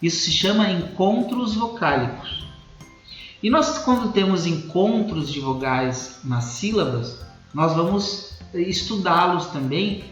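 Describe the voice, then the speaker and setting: A male teacher with a Brazilian Portuguese accent explaining a grammar lesson and checking in with the class often. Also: high-pitched. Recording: muffled, roomy echo, faint music.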